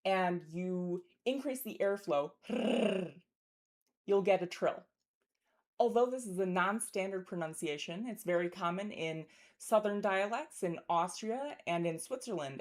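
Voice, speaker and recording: A woman's voice: lowish voice, a little mellow. A woman teaching pronunciation as a linguist, explaining carefully and articulately and demonstrating speech sounds, with a throaty r in German example words.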